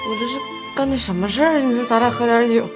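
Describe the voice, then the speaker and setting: A woman's voice: fairly low pitch, unhurried, over music. Tearful, slurring drunk village woman, TV drama, violin in the background. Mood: pleading. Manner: tearful, pleading, slurred from drink. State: drunk and crying. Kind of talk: TV drama acting.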